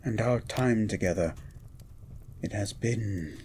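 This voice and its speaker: Man playing slow, low-voiced Beast, erudite and romantic. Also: darkish tone, slight background noise. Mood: devoted. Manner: eloquent, formal, flirtatious, lingering over words. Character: gentle, erudite blue beast mutant scientist, romantic poet. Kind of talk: romantic roleplay audio with poetry reading.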